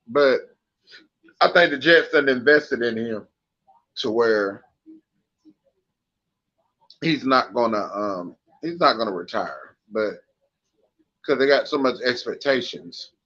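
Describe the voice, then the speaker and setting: A man's voice: medium pitch, sharp tone. A man giving laid-back, colloquial opinions in a casual sports chat, often repeating words as he talks. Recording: dull lo-fi sound.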